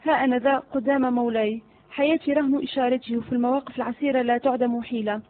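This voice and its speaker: A woman reading the part of a cunning male servant who flatters his master. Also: fairly high pitch, fast, close to an everyday voice. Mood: sly. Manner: flattering, sly. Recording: phone-like narrow audio.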